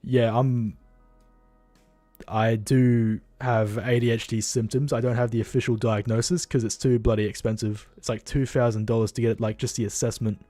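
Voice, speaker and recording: A man's voice: medium pitch, level tone, normal speed, warm tone, no room sound, soft background music. A young Australian man hosting a casual livestream, tired and rambling, talking bluntly and swearing freely from home. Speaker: livestream host.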